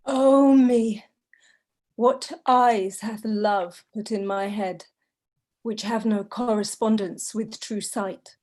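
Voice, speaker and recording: A woman's voice: medium pitch, fairly even intonation, takes it slowly, a little mellow. A woman reciting a sonnet in a reflective manner.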